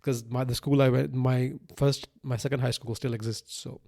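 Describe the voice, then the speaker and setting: Talking at a moderate pace in a mellow, mid-range voice with vocal fry and a level tone, a man in his thirties from Sri Lanka, a native Sinhalese speaker, delivers a rambling, unscripted solo podcast. He restarts and repeats phrases, often dropping "like" and checking in with "right?".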